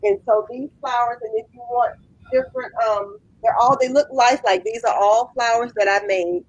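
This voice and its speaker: A woman's voice: a little high, steady tone, normal speed, breathy edge, muffled recording. A woman in her late fifties, a guest business owner, earnestly explaining her craft step by step in a casual interview. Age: 50s.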